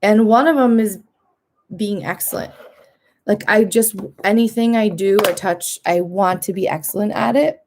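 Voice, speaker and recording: With slight background noise behind her, a vlogger in her thirties chats openly to camera at a moderate pace; her voice is medium in pitch and darkish. She laughs a lot and mimics what others said, raising her voice for their lines.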